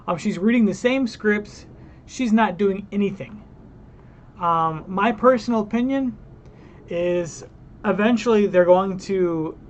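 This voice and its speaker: A man's voice: high-pitched, a little hiss or hum. A man hosting a reaction video, ranting heatedly and talking straight to his viewers. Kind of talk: casual reaction commentary.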